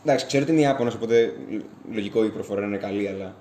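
A man's voice: fairly low pitch, warm tone, a little hiss or hum. A man recapping a film in casual chat, rambling and often correcting himself. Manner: rambling, self-correcting, slangy.

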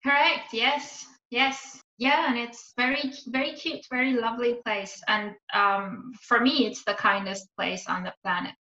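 Here the Iranian woman in her thirties, a podcast guest, speaks in a little high, sharp voice that stays steady and unhurried with few pauses. It's a casual chat peppered with hesitant ums, recorded with roomy, dull lo-fi sound.

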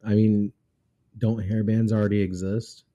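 A man's voice: on the low side, little pitch movement, measured pace, mellow. A man co-hosting a podcast in casual chat, joking around with crude, profane banter. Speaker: podcast co-host.

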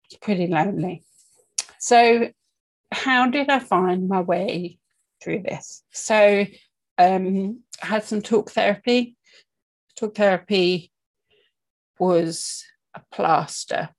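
A woman working as a breathing coach, talking candidly and informally to camera in a deliberate, halting way with long pauses, often checking in with the listener. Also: mid-range voice. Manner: candid, conversational, checks in with okay and yeah. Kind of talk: informal spoken talk to camera about anxiety and breathing.

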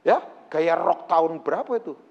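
Animated preacher in an echoing hall. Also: male voice, on the high side, moderate pace, muffled recording. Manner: animated preaching with jokes and acted quotes. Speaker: pastor. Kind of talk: lively sermon.

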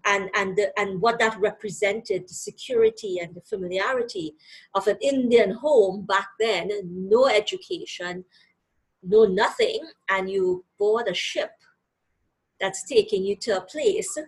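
A woman with a Trinidadian accent and a soft, breathy voice, guesting on an interview show. She talks in a thoughtful, reflective way, taking her time as she tells her family's story. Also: mid-range voice, expressive, unhurried, poor audio. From Trinidad and Tobago. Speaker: guest, financial literacy and credit counselor. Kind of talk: interview conversation.

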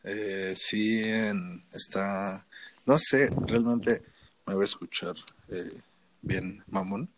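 A man with a Mexico City accent, co-hosting a comedic podcast in easygoing talk with hesitant, drawn-out fillers. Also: lowish voice, fairly even intonation, slight background noise. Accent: Mexico City Spanish. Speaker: podcast co-host. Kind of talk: casual comedic chat.

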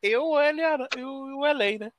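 A man's voice: very high-pitched, a little fast, dry recording, highs cut off. A man with a Brazilian Portuguese accent joining a casual podcast chat with short, agreeing remarks.

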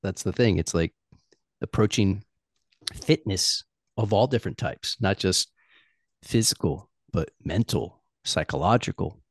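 A man's voice: deep voice, a little mellow, slightly rough, dry recording, studio quality. A man in his forties talking loosely and candidly, swearing and laughing easily. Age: 40s. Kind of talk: casual chat.

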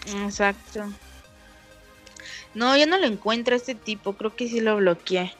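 A woman's voice: medium pitch, measured pace, faint music behind. A young Mexican woman in casual chat, telling stories and acting out the messages she quotes. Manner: animated storyteller, acts out quoted messages.

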